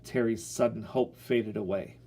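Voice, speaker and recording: A man narrating an audiobook in an even storytelling manner. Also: fairly low pitch, normal speed.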